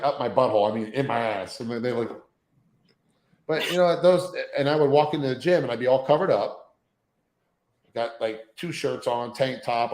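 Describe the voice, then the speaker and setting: A man in his thirties spins loose, profane stories as an interview guest, and he often slips into other people's voices. His pitch sits right in the middle. The room adds a noticeable echo around him. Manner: profane, animated anecdotes with acted quotes. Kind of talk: casual storytelling interview.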